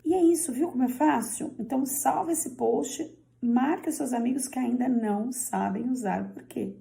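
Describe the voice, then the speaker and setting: A woman teaching a grammar lesson in a clear, didactic way, repeating the rules and checking in with the viewer often. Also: a little high, normal speed, mellow. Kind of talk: social media grammar lesson.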